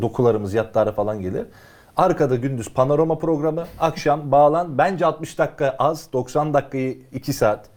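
A man's voice: mid-range voice, darkish tone. A man chatting casually and emphatically as a sports show panelist, often joking as he gives opinions.

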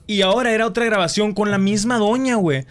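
A man with a Mexican accent, co-hosting a casual podcast and telling stories in rapid slang. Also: sits high. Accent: Mexican Spanish. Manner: rapid slangy storytelling, says güey constantly. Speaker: podcast co-host. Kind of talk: casual chat.

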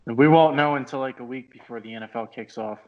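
A blunt man in casual sports talk, his voice mid-pitched and plain. He swears freely and keeps his remarks short. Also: fast talker, dull audio. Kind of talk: casual chat.

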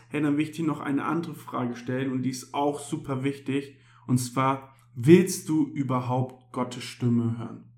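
Young German man preaching in an echoey room. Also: fairly high pitch. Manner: casual, direct, addresses listeners with "hey". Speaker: youth pastor. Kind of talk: casual youth sermon.

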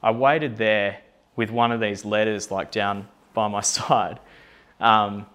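Chatty young man with a lowish voice. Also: steady tone, slow pace, a bit bright. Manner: chatty, candid, lots of fillers and self-deprecating asides. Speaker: company founder. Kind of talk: casual personal storytelling.

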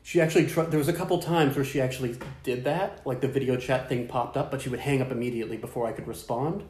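A man's voice: medium pitch, steady tone, quick pace, darkish tone, a little hiss or hum. Man, podcast guest, casual storyteller who acts out dialogue; roomy sound. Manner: acts out both sides of chats in raised voices. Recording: roomy echo.

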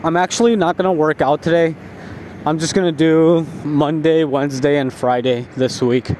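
A man who is high and tired, talking in a laid-back, rambling stoner drawl, like a casual spoken diary. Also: steady tone, moderate pace, a little mellow. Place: outdoors, walking along a residential street at night. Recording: outdoor street noise with passing cars.

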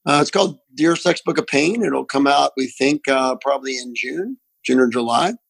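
A man's voice: mid-range voice, normal speed, gravelly, slightly rough, no room sound. A middle-aged man with an Appalachian accent, a doctor answering interview questions conversationally. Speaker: pain physician, interview guest.

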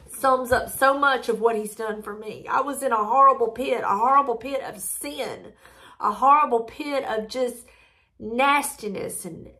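Lady reading bible verses real slow and reverent, middle-aged, breaks out in praise now and then. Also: fairly high pitch, pushed and bright. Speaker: devotional video host. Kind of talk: devotional scripture reading and testimony.

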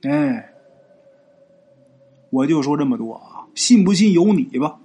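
Blunt old Taoist priest, low ominous warnings, husky, voiced by a male storyteller. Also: lively intonation, measured pace, warm tone.

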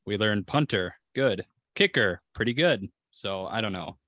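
A man's voice: lowish voice, lively intonation, unhurried, bright, forceful tone, dry recording, clean studio sound. A young man co-hosting a casual sports podcast, blunt and the one who wraps things up. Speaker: podcast co-host.

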